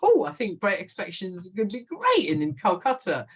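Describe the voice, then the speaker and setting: A middle-aged woman talks about her writing in a lively, warm-humoured way. She laughs often and tells her stories with animation. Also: medium pitch, normal speed, husky, low-quality recording. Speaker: guest writer. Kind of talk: conversational interview.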